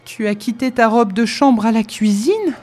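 A nervous young wife cries out in a high, shrill voice full of fear, as a woman narrator puts her on in a storybook reading. Her pitch leaps about widely. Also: lively intonation, normal speed, darkish tone, soft background music. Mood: alarmed. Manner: fearful, shrill. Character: anxious, easily frightened young wife.

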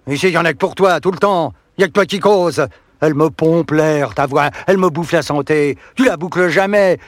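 A whiny, fretful husband voiced by a man nags his wife, then panics and begs her. The voice sits high and sounds close and dry, with no room around it. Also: fairly bright tone, no room sound. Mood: nagging. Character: timid henpecked husband, scolding then begging his wife. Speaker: recorded performer of a spoken song piece. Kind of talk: theatrical spoken monologue on record.

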